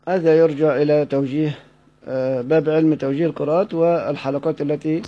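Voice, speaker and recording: A man's voice: on the high side, fairly even intonation, fast. A man with an Egyptian accent giving a recorded lecture, asking his students questions, answering them himself and repeating the key points. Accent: Egyptian Arabic. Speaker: teacher. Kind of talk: recorded lecture explaining a text. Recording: dull lo-fi recording.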